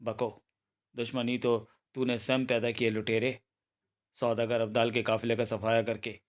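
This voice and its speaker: Stern fearless jungle hero guy, a man reading him out, slow and commanding, mid-pitched, comic book read-aloud. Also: little pitch movement, natural voice.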